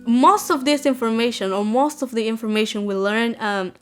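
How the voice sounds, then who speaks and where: Earnest young Guatemalan woman, higher voice. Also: a bit bright, faint music behind. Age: young adult. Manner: earnest, measured, with fillers and restarts. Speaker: student telling her story. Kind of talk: personal testimony.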